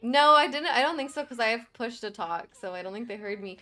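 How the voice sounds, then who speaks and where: Excitable, giggly woman streamer. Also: fairly high pitch, brisk. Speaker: livestreamer. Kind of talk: casual gameplay commentary.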